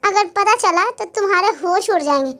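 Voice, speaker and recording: A woman's voice: extremely high pitch, a little fast, pushed and bright, faint music behind. Woman voicing a sassy proud young wife. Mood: haughty. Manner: sassy, boastful. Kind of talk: Hindi fan dub acting.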